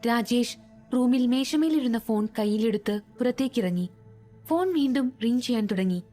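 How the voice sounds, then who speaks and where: Malayali lady reading a ghost story, highish voice, quiet music behind. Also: normal speed. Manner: steady storytelling. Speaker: narrator. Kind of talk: storybook narration.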